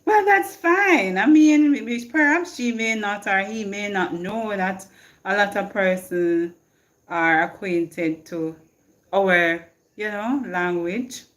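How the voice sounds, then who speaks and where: A Jamaican woman hosts a live stream on her phone, chatting casually, reading viewer comments aloud, answering them and laughing often. Her mid-range voice is a bit bright, and she takes things slowly.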